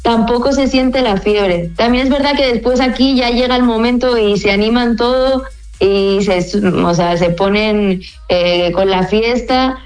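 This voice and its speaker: A young Spanish woman from Asturias talks football on a radio interview, her Spanish accent faintly mixed with Mexican. Her voice sits a little high, and she speaks in a relaxed, chatty way. Soft music plays faintly behind her. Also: measured pace, rough recording. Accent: Spanish with a slight Mexican mix. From Asturias, Spain. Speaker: football journalist guest.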